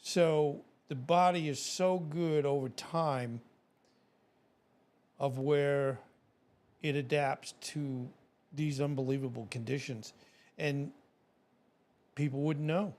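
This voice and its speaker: A man's voice: on the high side, fairly even intonation, slow pace, long pauses, a little mellow. A man hosting a nature documentary style narration, reading facts and wandering off into folksy, casual asides of his own. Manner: folksy, digressive, often commenting on his own script. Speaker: narrator and host of an animal video.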